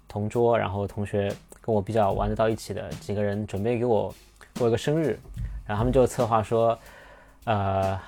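Young male podcast host with a gravelly, low voice, casual and rambling delivery, restarts often. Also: fairly even intonation, brisk, darkish tone, faint music behind. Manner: rambling, many restarts and fillers. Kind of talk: casual storytelling monologue.

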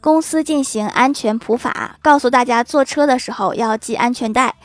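A woman's voice: on the high side, moderate pace, no echo, soft background music. A woman reading out a string of funny anecdotes, adding dry quips and chuckles after the punchlines.

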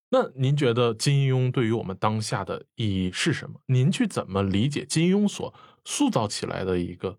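A man's voice: mid-range voice, dry recording, studio quality. A man hosting an interview, asking polite, articulate questions of his guest. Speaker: interviewer host.

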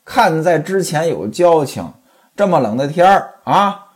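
Storyteller playing a scolding wife: indignant and shrill, with a lively, husky delivery. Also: unhurried. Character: scolding sharp-tongued young wife. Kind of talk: traditional storytelling voice.

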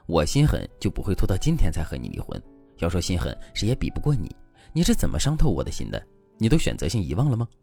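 A fed-up betrayed wife in her thirties, indignant and reproachful, as a man reads her lines. The voice sits low and gravelly, with wide, swinging pitch over quiet background music. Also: wildly swooping pitch, fast, full character voice. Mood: scornful.

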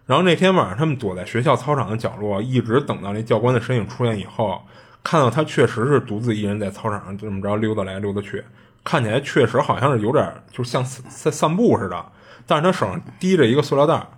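A male podcast host with a husky, mid-range voice tells a story rapidly in a casual, conversational way. His retelling is chatty and animated, full of fillers.

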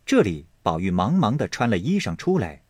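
A male audiobook narrator tells a classical novel with a lively, swinging delivery. His voice has a touch of huskiness. The recording is dry and close, with no room sound. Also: on the low side, no echo. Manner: expressive, measured storytelling.

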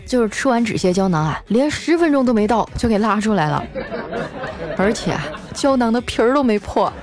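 A woman hosting a show, telling comic stories about her life in a chatty way, with lots of drawn-out filler particles. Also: fairly high pitch, animated, music in the background, crowd noise. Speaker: host. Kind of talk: scripted comic storytelling.

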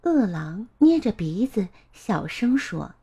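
A woman narrating a children's story in a gentle, expressive way. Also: medium pitch, takes it slowly, husky.

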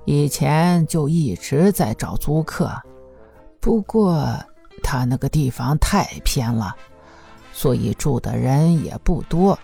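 A male storyteller voicing a chatty old village grandmother who speaks slowly and matter-of-factly, with a creaky, husky voice. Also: fairly high pitch, lively intonation, mellow, faint music behind, pitched above the performer's own voice, exaggerated voice. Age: over 60. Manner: drawn-out, gossipy, matter-of-fact. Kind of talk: audiobook character voice.

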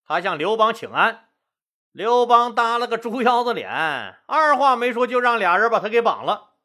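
A man's voice: very high-pitched, normal speed. A man telling a history story in a colloquial, joking, folksy way. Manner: lively, joking, folksy asides.

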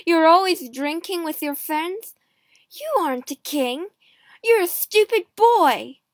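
A woman's voice: on the high side, lively intonation, a little slow, a bit bright, no room sound, studio quality. A woman voicing a proud, outspoken young queen in an audiobook story, emphatic and commanding. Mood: angry.

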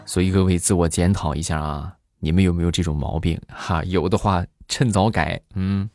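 A man's voice: low-pitched, normal speed, dry recording, studio quality, soft background music. A middle-aged man hosting a joke show, telling funny stories in a monologue and acting out the voices in them. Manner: animated storyteller who acts out quoted voices.

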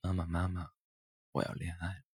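A man's voice: deep voice, completely flat delivery, brisk, darkish tone, breathy edge, no echo. A man doing a shy, earnest bear cub. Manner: earnest and bashful.

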